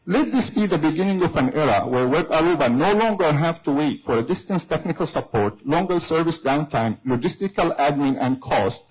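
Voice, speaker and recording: Guy doing a formal company speech, fairly high voice, a bit husky, careful halting delivery. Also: lively intonation, rough recording. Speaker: company representative giving a speech. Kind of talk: formal prepared public speech.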